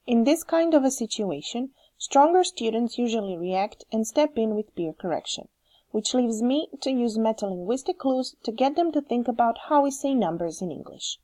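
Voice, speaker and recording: A woman with a Croatian accent, a teacher trainer giving measured, scripted narration that explains how to correct students. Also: fairly high pitch, mellow. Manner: measured, explanatory, reads examples aloud.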